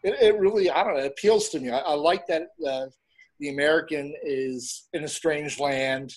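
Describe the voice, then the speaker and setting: A middle-aged man chatting casually as an interview guest, rambling a little and pausing as he goes. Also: on the high side. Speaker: interview guest, horror host and film reviewer.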